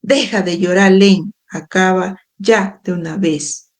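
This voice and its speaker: A woman's voice: on the low side, takes it slowly. A woman voicing a two-year-old boy who coaxes and pleads with his crying older brother, in a read-aloud storybook. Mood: bossy. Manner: pleading, childlike coaxing.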